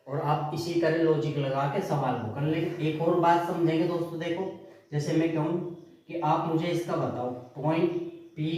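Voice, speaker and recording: Male math teacher, fairly high voice, lecturing. He poses questions and answers them himself, heard from a distance. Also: darkish tone. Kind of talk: classroom math lesson. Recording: very echoey room, mic far off.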